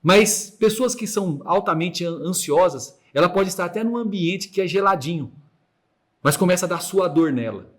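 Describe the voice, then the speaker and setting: A man with a Brazilian accent from Mato Grosso, talking through a podcast in a slightly high voice. He stumbles and restarts often and mimics heartbeats with sounds. He is recorded in a warm room with no air conditioning. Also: expressive, normal speed. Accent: Brazilian Portuguese, Mato Grosso. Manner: hesitant, many restarts and repeated words. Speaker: podcast host. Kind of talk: casual podcast chat.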